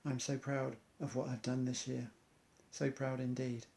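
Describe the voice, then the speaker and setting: Man, gravelly, steady and flat, earnest rhyming monologue. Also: mid-range voice, measured pace. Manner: earnest, speaks in loose rhymes. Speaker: amateur athlete. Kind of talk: reciting an inspirational rhyming monologue.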